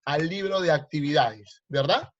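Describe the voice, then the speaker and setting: A man's voice: fairly high pitch, a little slow. A male teacher, teaching grammar online and quizzing his students with repeated questions. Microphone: video call. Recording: lo-fi online class audio.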